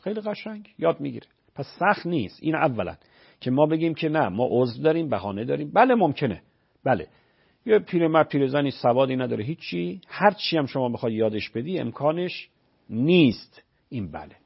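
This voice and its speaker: Answering callers on a call-in radio program, this male religious scholar illustrates rulings with ordinary examples and a patient manner. He sounds very animated, husky and fry-tinged at a medium pitch, heard through dull lo-fi radio audio.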